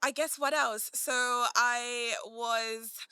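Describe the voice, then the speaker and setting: On a dry recording, a young British woman speaks slowly in a higher voice with a steady tone that sounds pushed, bright, clear, and resonant. She is a commercial analyst who was born in Malawi and grew up in Manchester, England, chatting informally as a podcast guest. Her casual interview answers are peppered with "like".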